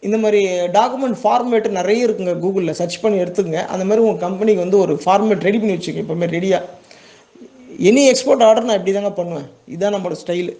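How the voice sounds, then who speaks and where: Quick-paced, high-pitched and warm, the Indian exporter from Tamil Nadu speaks in his home accent as he guides listeners through a conversational step-by-step tutorial, checking in often and repeating words for emphasis.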